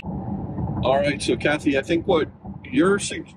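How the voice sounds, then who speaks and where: A man's voice: a little high, slow. A man hosting a road trip vlog, talking casually and thinking aloud as he drives. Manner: relaxed, chatty, thinks aloud. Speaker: vlog host. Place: inside a car on the road. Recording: road noise in a moving car.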